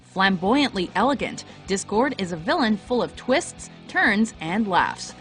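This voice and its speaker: Brief: female narrator, wry countdown read, lively pitch. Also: a little slow, music in the background.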